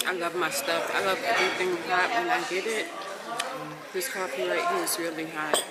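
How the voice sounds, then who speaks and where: A woman's voice: fairly low pitch, steady tone, moderate pace, over a noisy crowd. A woman vlogger chats casually to her viewers while eating, chewing between phrases. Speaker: vlogger hosting a mukbang. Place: busy hotel breakfast dining area. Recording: noisy room with clattering dishes and cutlery.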